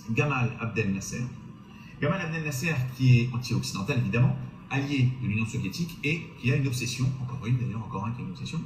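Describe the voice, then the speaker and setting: A man's voice: mid-range voice, darkish tone, echoey room, poor audio. A man narrating a history lesson to his viewers, asking rhetorical questions and hesitating often as he explains. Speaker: history video presenter.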